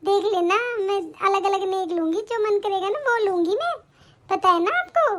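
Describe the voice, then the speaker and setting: A woman voices a spoiled young sister-in-law in an animated family drama. She talks in a demanding, whiny way, and her voice is pitched very high, close to a child's. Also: moderate pace. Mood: greedy. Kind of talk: animated story voice acting.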